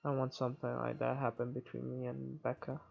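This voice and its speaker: Reading visual novel narration aloud for a video game playthrough, a player adds offhand remarks and now and then trips over words. The medium-pitched voice is level, brisk, and creaky, muffled under game music.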